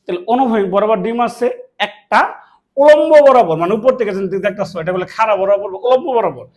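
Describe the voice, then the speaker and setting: A man's voice: high-pitched, animated, quick pace, a little mellow. A man from Bangladesh, teaching a classroom math lesson, asking questions and answering them himself. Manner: asks and answers his own questions, repeats key words.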